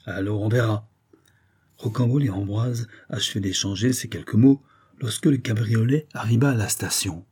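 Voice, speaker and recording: Brief: steady male audiobook narrator, husky and mellow. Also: lowish voice. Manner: steady, measured storytelling. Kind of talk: audiobook reading of a classic novel.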